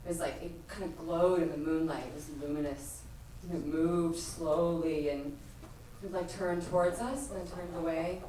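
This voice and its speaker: A woman's voice: on the low side, fairly even intonation, moderate pace, mellow, a little hiss or hum. A woman telling a comic personal story live, in a rambling way full of "like.". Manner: rambling, heavy use of "like". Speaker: stage storyteller. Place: performance stage. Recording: echoey room, far from mic.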